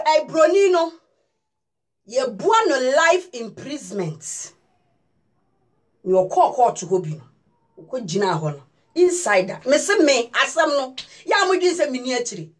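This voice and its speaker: Woman vlogger from Ghana, chatty and emphatic, talks straight to viewers, lively higher voice. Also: slow pace, long pauses. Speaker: news vlogger. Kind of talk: casual news commentary to viewers.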